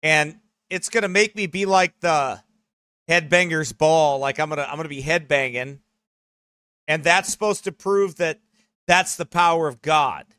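A man preaching a sermon in a high, bright, sharp voice, mocking what he describes and reading passages aloud. The sound is close and dry. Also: normal speed, clear, resonant tone, no echo. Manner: mocking, animated, reads quotes aloud. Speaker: pastor.

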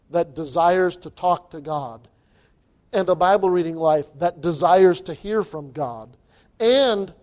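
Speaking into the pulpit mic, a pastor with a high-pitched voice delivers a sermon with great emphasis. Repetition drives him toward loud, exclamatory peaks.

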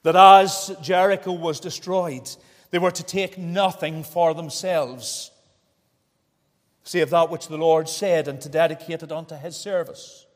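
A man's voice: fairly high pitch, steady tone, unhurried. A man with a Northern Irish accent preaching an evangelical sermon in a dramatic manner, full of rhetorical questions and repetition. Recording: echoey hall with long reverb.

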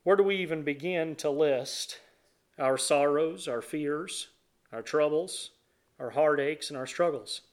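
Earnest male preacher, fairly high voice. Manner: earnest preaching, pausing between phrases. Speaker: pastor. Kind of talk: sermon and prayer.

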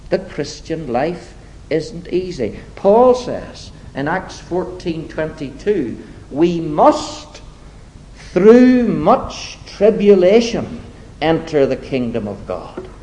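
A man preaching a sermon to his congregation, deliberate and emphatic, slipping into wry, self-deprecating asides. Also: fairly high pitch, very animated, warm tone, poor audio.

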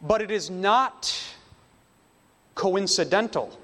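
Slow, emphatic high-voiced male preacher. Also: bright, forceful tone, in a large hall. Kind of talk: sermon.

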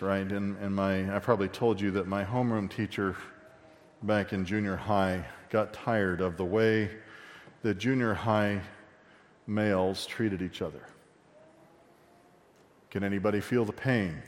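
A man's voice: on the low side, long reverb tail. A male pastor preaching a sermon, conversational, with asides and questions to the congregation.

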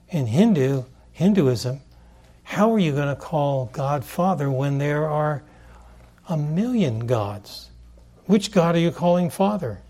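A man preaching a sermon as pastor, in a deliberate way that stresses key words. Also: fairly high pitch, dark tone.

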